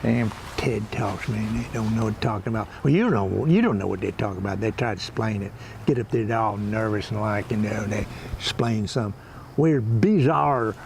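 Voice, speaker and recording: A man's voice: lowish voice, normal speed, creaky, a little mellow, slight background noise. A man playing a folksy, cranky backwoods character, rambling through a comic monologue outdoors by the water. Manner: meandering, folksy, chuckling to himself. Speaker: comedy monologue host.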